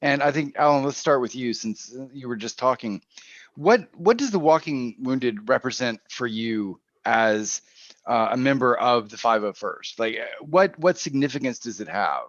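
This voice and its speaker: A male panel host who talks in a loose, halting way, repeating words as he works toward each question. His audio is muffled and dry, like an online call. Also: medium pitch, expressive, a bit bright, no echo. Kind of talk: casual livestream panel interview.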